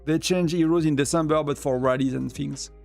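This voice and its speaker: A man's voice: a little high, fairly even intonation, a little fast, gravelly, a little mellow, soft background music. French-accented man rambling on a gaming stream. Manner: rambling, many fillers and restarts, chuckles often. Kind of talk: casual live-stream chat.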